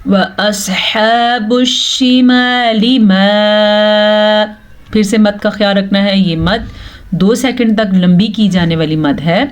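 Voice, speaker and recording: A woman's voice: medium pitch, a little mellow. A woman teaching Quran recitation rules step by step, explaining patiently and correcting common mistakes. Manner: explains rules patiently, then recites verses slowly and drawn out.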